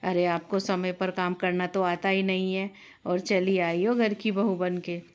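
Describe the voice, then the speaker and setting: A woman's voice: lowish voice, little pitch movement, measured pace, smooth, voice pushed down, lightly acted. A woman voicing an impatient young sister-in-law who scorns and nags. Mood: scornful.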